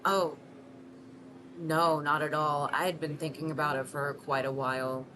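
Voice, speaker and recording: Hiss is noticeable behind a Mexico City woman in her thirties who plays a self-conscious, soft-spoken single mother of 38 in a short film. Her low-pitched, flat delivery carries a scripted monologue of answers to questions the audience can't hear. She stumbles through them with frequent ums and false starts.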